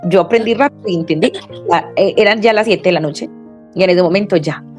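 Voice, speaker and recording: A woman speaking quickly in a fairly low voice as she recounts her own experience to an interviewer. She slips into the voices of others she quotes, keeping the telling lively. Soft music plays faintly underneath. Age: adult mother. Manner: lively, acts out quoted dialogue. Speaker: interview guest. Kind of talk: personal storytelling in conversation.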